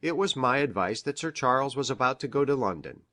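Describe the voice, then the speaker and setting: An educated country doctor in a classic mystery drama. He is grave and earnest, laying out his account formally and precisely, with a middle-pitched voice and measured storytelling. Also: lively intonation, pushed and bright.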